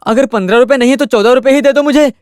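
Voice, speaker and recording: A man's voice: very high voice, very fast, darkish tone, smooth, no echo, clean studio sound. A man dubbing a broke, evasive villager into Hindi, pleading and wheedling for money. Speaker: debtor villager dodging creditors.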